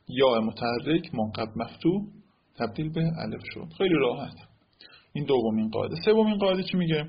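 A husky-voiced man teaches a grammar lesson at a medium pitch. He keeps checking in with rhetorical questions and draws out example words slowly. The recording sounds dull and lo-fi. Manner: asks the class rhetorical check questions like "right?"; repeats example words slowly, drawing them out. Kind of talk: Arabic morphology lesson.

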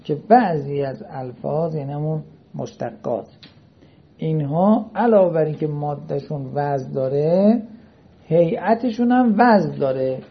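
A man's voice: on the high side, husky. A man teaching a lecture class in a seminary style, often asking whether his students follow. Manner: checks understanding with frequent questions. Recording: dull lo-fi recording.

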